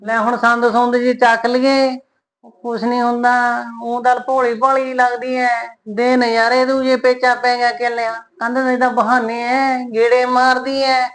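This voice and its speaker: A lazy village mason man, as a woman acts him out, speaking with a Punjabi accent. His voice sits high and stays flat and unhurried, and he shrugs off every complaint with teasing ease. It is comic short-film acting. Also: close to an everyday voice. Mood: easygoing teasing. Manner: easygoing, teasing, brushes off complaints.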